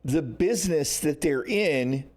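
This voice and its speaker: A man's voice: a little high, animated, a little slow, darkish tone. A man hosting a gaming livestream, ranting casually with sarcasm and frequent swearing. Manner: frustrated, sarcastic, swears often. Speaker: livestream host.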